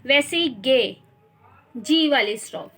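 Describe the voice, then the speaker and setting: A young woman teaches shorthand. She speaks at a slow, deliberate pace and repeats each sound and example word so learners can follow. Her delivery is patient and instructional. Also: sits high, animated, a bit bright. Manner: slow, repeats sounds and words to drill them. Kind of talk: instructional explanation.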